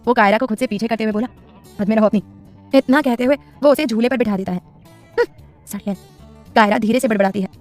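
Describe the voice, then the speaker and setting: Brief: quick, somewhat high-voiced woman narrator for a romance serial, soft music behind. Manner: reads with expressive dialogue voices. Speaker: storyteller. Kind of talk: scripted story narration.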